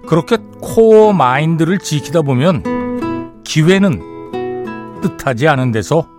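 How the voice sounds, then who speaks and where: A man's voice: on the high side, slow. Male radio DJ, easygoing; reads listener texts and chats; faint music under the voice. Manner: relaxed banter, reads messages aloud and comments. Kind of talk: radio show, reading stories and listener messages. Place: radio studio.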